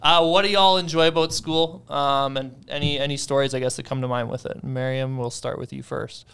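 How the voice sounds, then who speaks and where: A man's voice: mid-range voice, fairly even intonation, fairly quick, gravelly, a bit bright, clear, resonant tone. A man hosting a casual interview with students, rambling and talkative, with many filler words. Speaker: host.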